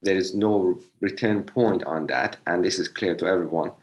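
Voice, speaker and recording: A man with a slightly hoarse voice giving an academic presentation over a video call, hesitant with many fillers. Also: sits low, normal speed. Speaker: associate professor giving a webinar talk.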